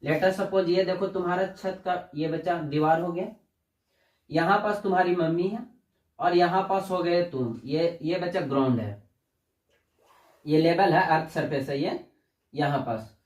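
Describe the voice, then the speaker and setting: A man's voice: fairly high pitch, unhurried, pauses often. A male teacher giving a classroom lesson, calling the students "child" and asking questions he then answers himself. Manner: addresses students as "बच्चा", asks and answers own questions. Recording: echoey room, distant mic.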